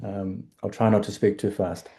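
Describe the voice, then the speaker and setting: A middle-aged man with an Australian accent, speaking as a panelist in an online discussion in a halting, self-deprecating way. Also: fairly low pitch, steady tone, dark tone. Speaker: panelist, stove enterprise founder.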